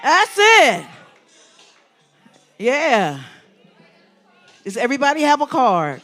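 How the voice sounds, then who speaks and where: Very high, bright-voiced male emcee. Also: slow pace, faint music behind, some chatter behind. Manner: energetic, call-and-response with the audience. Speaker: event host. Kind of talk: hyping up the crowd as emcee. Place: indoor community event hall with a crowd.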